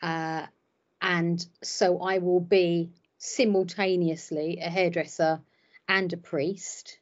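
Speaking slowly with little pitch movement, a woman with a lowish voice talks over a laptop webcam from a home room by a window. She's middle-aged, a hairdresser and ordinand who grew up speaking Cypriot Greek, and in this casual video call interview she's self-deprecating and uses lots of fillers. The call audio is dull and lo-fi.

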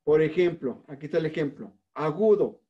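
A male music teacher with a Mexican accent, patiently explaining a lesson step by step to his students and filling his pauses with "este". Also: a little high, animated, highs cut off. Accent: Mexican Spanish. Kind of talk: recorded online class.

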